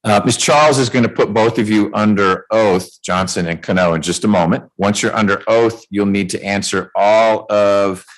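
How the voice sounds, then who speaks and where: Deep voiced male judge walking folks thru a plea hearing, calm and measured. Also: rough recording. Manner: measured, explanatory. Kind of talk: presiding over a remote plea hearing.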